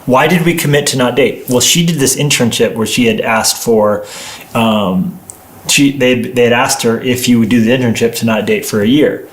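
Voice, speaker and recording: Casual livestream talk with his partner has this co-host telling playful, rambling stories at a moderate pace in a medium-pitched voice. The audio sounds roomy, with indoor echo.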